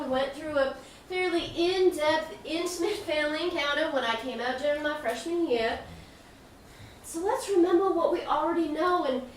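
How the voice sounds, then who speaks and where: A woman's voice: high-pitched, sharp tone. An actress playing an earnest grown daughter, giving a heartfelt speech to her family. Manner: heartfelt, speechifying, fiercely protective. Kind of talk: film drama dialogue. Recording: roomy distant mic, faint hiss.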